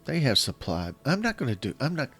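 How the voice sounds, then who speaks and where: A gaming channel host talks casually over a strategy game in a mid-range, slightly bright voice with huge pitch swings. Illness and yelling have left him a little scratchy, and he thinks aloud haltingly, correcting himself and starting sentences over mid-way, over faint game music.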